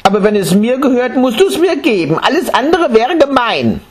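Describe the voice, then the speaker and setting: A man's voice: extremely high pitch, big pitch swings, moderate pace, voice pushed up. A man voicing a stubborn seven-year-old boy who insistently repeats his whiny demand in a storybook reading. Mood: pleading.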